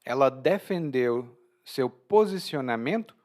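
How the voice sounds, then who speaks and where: A man with a Brazilian accent teaching a language lesson podcast, explaining expressions slowly, repeating key phrases and checking in with a "hum?". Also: mid-range voice, lively intonation, darkish tone.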